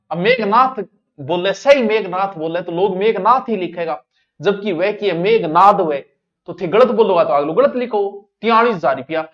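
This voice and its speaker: A man's voice: high voice, highs cut off. A man teaching an exam-prep lesson, talking straight to his students and repeating the key words.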